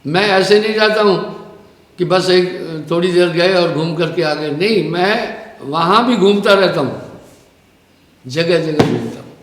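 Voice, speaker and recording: A man's voice: high voice, measured pace, a bit bright. A man giving a live spiritual discourse as teacher, telling a parable and explaining language in a preaching, storytelling manner. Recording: echoey hall with long reverb.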